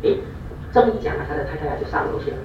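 A man preaching a storytelling sermon, animated and repeating points for emphasis, recorded in a church hall in an echoey, distant, dull way. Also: on the high side, very fast, slight background noise.

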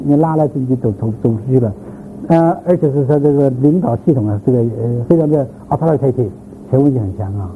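A man giving an informal lecture to a class, rambling with repeated words and filler sounds and putting questions to the listeners. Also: medium pitch. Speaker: lecturer on church history. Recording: tinny phone-like sound, faint background noise.

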